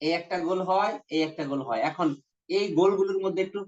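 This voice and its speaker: A man with a Bangladeshi Bengali accent runs an exam-prep grammar lesson, his voice pitched slightly high. He repeats himself often and sounds out each vowel as a demonstration. The recording is muffled and lo-fi. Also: brisk, a little mellow. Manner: repetitive, coaxing, demonstrates vowel sounds aloud. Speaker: teacher. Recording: dull lo-fi recording.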